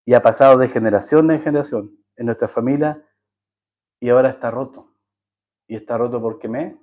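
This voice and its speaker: A man's voice: mid-range voice, darkish tone. A man preaching a sermon as a pastor, telling a story, acting out the voices in it and putting questions to the congregation. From Chile. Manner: asks the congregation rhetorical questions.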